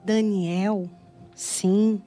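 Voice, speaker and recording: A woman's voice: mid-range voice, steady tone, very slow, warm tone, faint music behind. A woman preacher giving a sermon in church, retelling a story in a conversational way with frequent tag questions.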